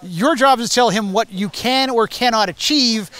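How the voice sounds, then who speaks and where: A man's voice: very high voice, normal speed, fairly bright tone. A man explaining how a director and effects crew work together, matter-of-fact. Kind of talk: documentary interview.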